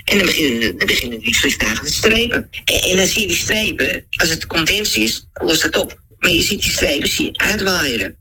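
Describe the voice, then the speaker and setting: A man whose voice is distorted by pitch shifting to hide who he is, giving casual interview answers with many halting restarts and repeated words. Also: very animated, pushed and bright, slight background noise. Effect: voice distorted by pitch shifting to hide identity. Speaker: interviewee with conspiracy beliefs.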